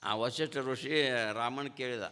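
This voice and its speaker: A man's voice: medium pitch, unhurried, pushed and bright, clear, resonant tone. A man, a swami giving a devotional sermon with a North Karnataka Kannada accent, asking rhetorical questions and repeating key phrases. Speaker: swami giving a spiritual discourse. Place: ashram hall. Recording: reverberant hall.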